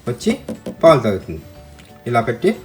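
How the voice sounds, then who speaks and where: A woman's voice: a bass voice, huge pitch swings, normal speed, faint music behind. A woman telling a picture story to a child, asking the listener questions and adding playful sound effects.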